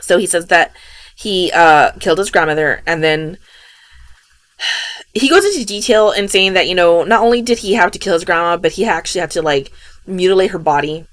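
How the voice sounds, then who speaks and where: Lowish-voiced woman casually retelling a story. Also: normal speed, a bit bright, no room sound. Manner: rambling, filled with "you know" and "um". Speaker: podcast host.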